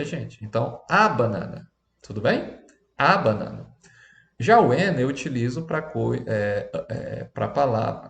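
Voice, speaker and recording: A man's voice: mid-range voice, gravelly, echoey room. A man teaching an English lesson with a Brazilian Portuguese accent, chatty and often checking in with his students.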